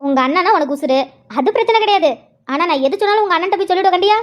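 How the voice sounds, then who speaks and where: Brief: someone doing a cartoon sister-in-law, very high squeaky voice, rattles along quickly, teasing and sly. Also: lively intonation. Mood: gossipy. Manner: chatty, teasing, fast gossip. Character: gossipy scheming village sister-in-law. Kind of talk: Tamil cartoon voice acting.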